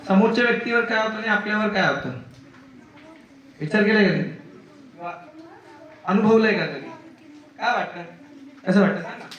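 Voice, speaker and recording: A man's voice: high voice, moderate pace, pauses often, fairly bright tone, lo-fi sound, a little hiss or hum. A man with a Marathi accent, a child psychiatrist, teaching young schoolchildren and asking them many questions. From India. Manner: asks many questions, acts out children's voices. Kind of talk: classroom talk with children. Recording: echoey classroom, children's chatter.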